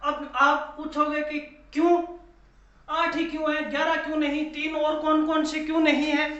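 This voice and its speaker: A man's voice: very high-pitched, completely flat delivery, moderate pace, bright, forceful tone. A male teacher giving a classroom lecture, asking his own questions and repeating key phrases, sometimes drawing out vowels to show them. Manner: drawls long vowels to demonstrate. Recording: echoey room, dull lo-fi sound.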